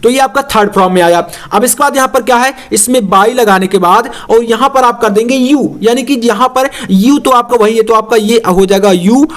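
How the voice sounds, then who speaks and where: A young man teaching English grammar to exam students, explaining slowly and spelling words out letter by letter. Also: very high-pitched.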